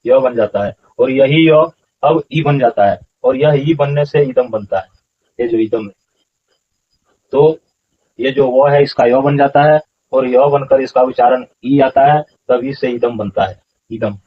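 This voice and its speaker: A man's voice: medium pitch, measured pace, highs cut off. A man explaining scripture verses as a teacher, patiently repeating pronunciations syllable by syllable. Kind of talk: explanatory lesson.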